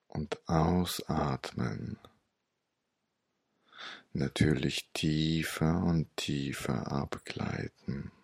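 A man tells a hypnotic meditation story like an old sage, extremely slowly and with long pauses. His low voice is gravelly and breathy, soothing and close to the mic. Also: steady tone, no room sound.

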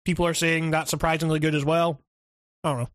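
A young man co-hosts a casual gaming podcast chat, rambling, swearing freely, and sounding animated. His voice is on the high side and fast, recorded in clean studio sound with no echo.

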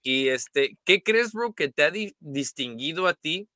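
A man hosts a casual podcast chat, easygoing and slangy. His voice is slightly high and very bright, and the sound is dry and close. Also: animated, measured pace, dry recording. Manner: laid-back, slangy. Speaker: podcast host.

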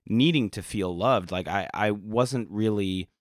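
A man talking candidly as a podcast guest, reflective and halting, with many restarts. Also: on the low side, dry recording, clean studio sound. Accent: American. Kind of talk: candid casual conversation.

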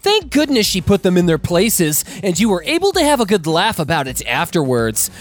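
A host reading internet stories aloud in a lively storytelling manner, adding their own commentary. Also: medium pitch, normal speed. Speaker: story reader.

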